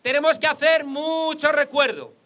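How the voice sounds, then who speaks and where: A man's voice: very high voice, normal speed, sharp tone. A man with a Spain Spanish accent giving a political rally speech outdoors, mixing jokes with rhetorical repetition. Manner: rhetorical, joke-telling, repeats for emphasis.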